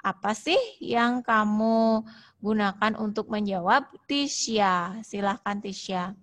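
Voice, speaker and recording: An Indonesian-accented woman teaches an English lesson over a video call, with a middle-pitched voice. She explains at length, repeats herself, and slows down to model each phrase. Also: a bit bright. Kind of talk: online class lesson, mixing Indonesian and English.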